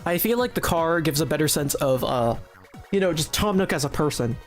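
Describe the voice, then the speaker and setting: A streamer chats casually on a live stream while building a game, speaking at medium pitch with lively intonation and a slightly quick pace over faint background music. She's giggly and rambling, frequently restarting sentences and joking with chat in a mock-serious way.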